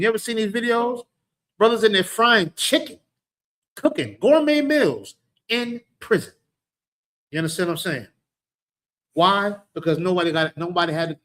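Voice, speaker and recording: A man's voice: high voice, a bit bright. A man with a New York accent teaching a scripture class, emphatic and conversational, often checking that listeners understand. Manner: emphatic, keeps asking "you understand". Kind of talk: street-preaching scripture class.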